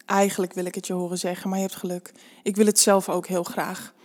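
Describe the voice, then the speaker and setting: A woman's voice: on the low side, flat delivery, quick pace, darkish tone, lightly acted. A woman doing a cocky teasing lover. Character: confident teasing young man, lover.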